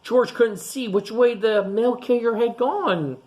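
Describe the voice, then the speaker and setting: A woman teacher reads a picture book aloud to young children in a fairly high-pitched voice. She is expressive and uses child-directed speech, pausing to explain things simply.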